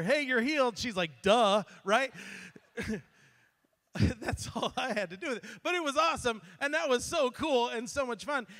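High-voiced man preaching in an echoey hall. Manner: animated, acts out quotes, frequent restarts. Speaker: pastor. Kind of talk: sermon storytelling. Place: church sanctuary. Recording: long hall reverb.

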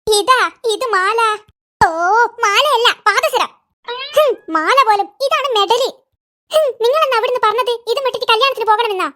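A performer voicing squabbling cartoon kids and their mother, bickering in a squeaky, sped-up comic style. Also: moderate pace, bright, forceful tone. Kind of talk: cartoon character voices.

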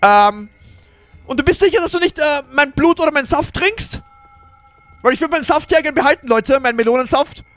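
A young man with a very high, bouncy voice hosts a casual gaming roleplay. He jokes around and keeps breaking off to talk to his viewers, with faint music behind him. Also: brisk, no room sound. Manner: excitable, jokey, keeps turning to address viewers. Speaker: let's play host.

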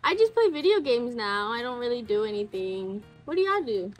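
Young woman, higher voice, casual chat. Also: sing-song, moderate pace, faint music behind, rough recording. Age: 20s. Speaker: host reading viewer confessions. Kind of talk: casual chat, reading messages aloud.

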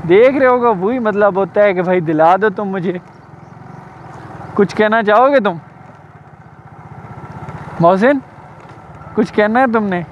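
High-voiced young man vlogging from a motorbike. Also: a little slow, long pauses. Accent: Saraiki. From Pakistan. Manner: teasing, repeats himself, calls out loudly. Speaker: motovlogger. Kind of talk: casual vlog chat. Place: riding a motorbike outdoors in town. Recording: muffled with faint traffic noise.

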